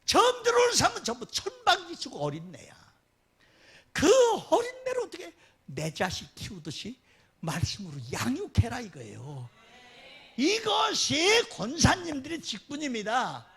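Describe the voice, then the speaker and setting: A man preaching a sermon as a guest pastor, animated and often laughing as he tells stories. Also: moderate pace. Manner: animated, laughing, dramatic swings in pitch.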